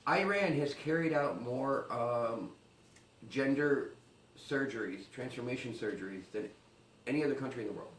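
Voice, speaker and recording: A man reads out mock news with a dry, deadpan delivery and plenty of swearing. He sits back from the mic in a roomy space, with a faint hiss behind him. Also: mid-range voice, normal speed, far from the mic. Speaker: comedy news co-host. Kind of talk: deadpan comedic news segment.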